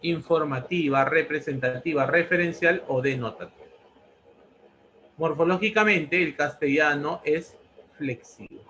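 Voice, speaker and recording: A man's voice: on the high side, unhurried, pushed and bright, lo-fi sound, a little hiss or hum. A man teaching a language lesson, repeating each answer several times. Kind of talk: pre-university language lesson.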